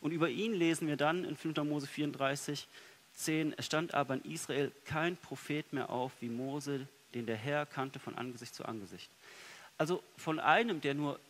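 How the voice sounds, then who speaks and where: A man preaching a sermon in a church, earnest, moving between soft, quiet passages and emphatic ones. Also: on the high side, a little hiss or hum. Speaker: pastor.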